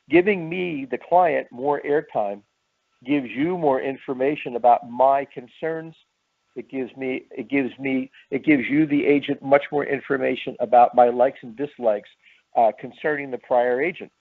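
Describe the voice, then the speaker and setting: A man with a mid-range voice runs a sales training session, presenting in a steady, lecturing manner. He repeats himself often and pauses to spell out lists of words slowly. The sound is narrow and tinny, as if heard over a phone call.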